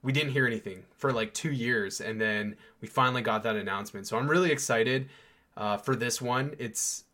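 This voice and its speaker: A man's voice: mid-range voice, normal speed, sharp tone. A young man hosting a podcast, chatting casually and enthusiastically, with many fillers and restarts. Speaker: podcast host. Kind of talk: casual chat.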